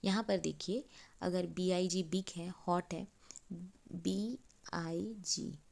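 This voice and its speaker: A woman's voice: on the low side, steady tone, a little slow, vocal fry, darkish tone. A woman teaching grammar in Hindi, explaining step by step with rhetorical questions.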